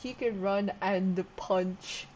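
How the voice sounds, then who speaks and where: A tired, sleep-deprived woman rambles through a casual vlog, cursing freely and hopping from one thought to the next. Her voice sits at an ordinary middle pitch. A clear hiss of background noise runs under the recording. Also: steady tone, slow, darkish tone, low-quality recording. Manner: rambling, swearing, jumps between topics. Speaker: vlogger.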